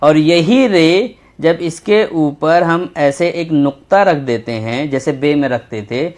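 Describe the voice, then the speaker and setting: A man's voice: fairly high pitch, a little mellow. Patient Urdu teacher, man. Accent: Indian Urdu. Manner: patient, slow, repeats letter names while writing. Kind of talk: textbook lesson for young children.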